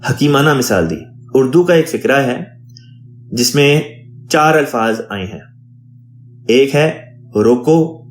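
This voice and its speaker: A man, an imam, teaching a Quran translation lesson, reading Arabic phrases and explaining each one in a measured teaching tone. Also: mid-range voice, reverberant.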